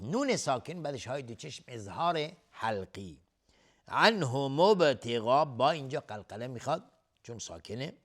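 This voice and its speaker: Man teaching recitation rules. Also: mid-range voice. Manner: recites verses slowly and louder, then explains rules quickly and quietly; clears throat now and then. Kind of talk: tajweed lesson, alternating slow chanted recitation with quick spoken explanation.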